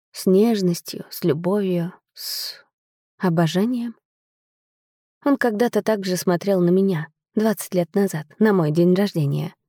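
A woman narrating a first-person fantasy audiobook in a dramatic, measured storytelling manner. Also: lowish voice, warm tone, dry recording, clean studio sound.

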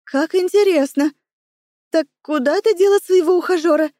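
A woman's voice: very high-pitched, moderate pace, warm tone, dry recording, clean studio sound, pitched above the performer's own voice. A woman voicing a sly, teasing young female friend in a storybook, with a playful, mocking manner.

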